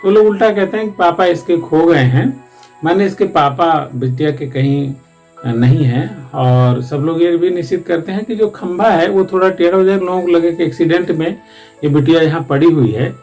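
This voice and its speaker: A man's voice: on the high side, moderate pace, darkish tone, faint music behind. A man, a teacher, explaining the story of a one-act play from a Hindi textbook in a loose, rambling way with frequent restarts.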